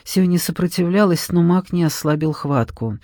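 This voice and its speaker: A narrator reads a novel aloud in an even, measured voice of middle pitch. The recording is close and dry, with no room sound. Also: dry recording. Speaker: audiobook narrator. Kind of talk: scripted narration.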